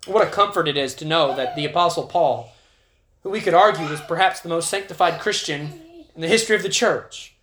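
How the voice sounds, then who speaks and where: A man's voice: on the high side, brisk, fairly bright tone, a little hiss or hum. A man preaching a sermon at a church prayer meeting, earnest and growing emphatic as he reads scripture aloud. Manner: earnest, rises to emphatic when reading scripture. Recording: echoey chapel room.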